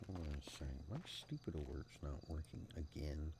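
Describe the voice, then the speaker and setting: A sleepy man who keeps yawning, streaming a game and chatting in a low-key, mumbling way. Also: normal speed, gravelly, noisy background. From Canada. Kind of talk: casual gameplay commentary.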